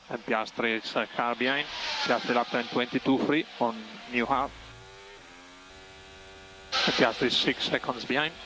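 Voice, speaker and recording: A man speaks as a race engineer on team radio, his updates short and factual, with important phrases repeated so they come through clearly. His voice is medium-pitched, with background noise.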